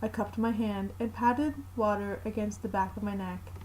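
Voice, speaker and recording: A woman narrating a fanfiction aloud in the first person, with a steady, plain reading. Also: mid-range voice, normal speed, slight background noise, rough recording.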